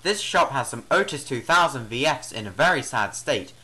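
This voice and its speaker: Bright-voiced man narrating a casual tour. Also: medium pitch, lively intonation, normal speed. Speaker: vlogger giving a tour of lifts. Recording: background noise, echoey inside lifts.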